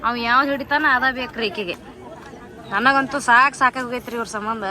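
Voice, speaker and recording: Speaking a little high, brisk and bright with a forceful edge, a woman with a North Karnataka Kannada accent chats casually to her vlog viewers, pointing things out as she goes. She's at a crowded outdoor village fair, and busy crowd noise fills the background.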